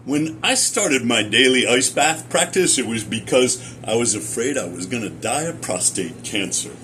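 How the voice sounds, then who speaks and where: A middle-aged American man giving a personal testimonial in a deliberate, emphatic storytelling manner with short repeated phrases. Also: medium pitch, lively intonation, background noise. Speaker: speaker sharing personal experience, former academic researcher.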